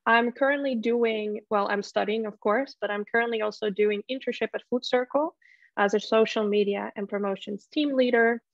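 Young woman from Finland, flat gravelly delivery, hesitant student presenter, dry muffled video-call sound. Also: on the high side, moderate pace, no room sound. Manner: hesitant, many ums and restarts. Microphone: laptop mic on video call. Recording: dull, lo-fi video call audio.

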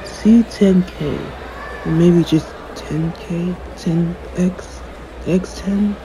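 Heavily acted over a noisy background, a high-voiced man draws out his words with fairly even intonation. In a one-sided audio roleplay he plays a jaded, cocky young superhero, dry, sarcastic, aloof and smug, brushing off his fan.

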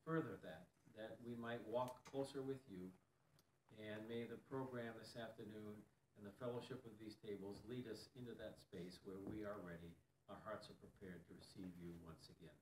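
A man, a pastor, leading an opening prayer in a measured, reverent way. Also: on the low side, steady tone. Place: church fellowship hall. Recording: distant mic in echoey hall, faint room noise.

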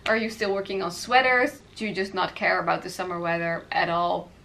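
A woman's voice: on the low side, steady tone, brisk, vocal fry, sharp tone, a little hiss or hum. A woman, hosting a knitting podcast and rambling casually from her apartment with hesitant fillers.

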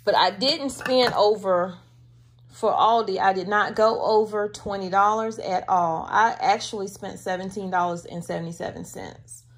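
A woman's voice: mid-range voice, steady tone, moderate pace. A woman chatting casually to her viewers from home, talking to them as y'all, filming with a handheld camera. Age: adult with a daughter. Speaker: vlogger showing a grocery haul. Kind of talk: casual chat.

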